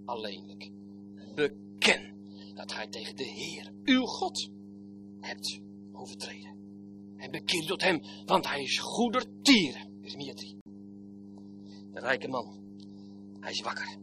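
A man preaching a sermon with old-fashioned biblical phrasing, swinging between loud exclamations and hushed, near-whispered lines. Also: fairly low pitch, big pitch swings, a little slow, long pauses, music in the background.

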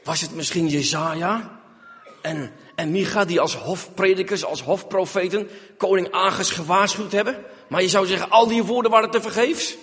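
A man's voice: high-pitched, moderate pace, a bit bright, big-room sound. A man preaching a sermon in a church, acting out the prayers and dialogue he quotes.

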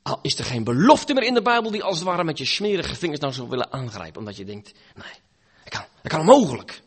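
Husky Dutch preacher, dramatic swings. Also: male voice, a little high, big pitch swings, fast talker. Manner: dramatic, swinging between loud pleading and hushed near-whispers. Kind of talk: sermon.

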